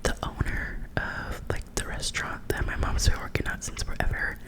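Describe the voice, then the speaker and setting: A young woman whispering a chatty, gossipy ASMR storytime in casual slang, with animated and dramatic retelling. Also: moderate pace.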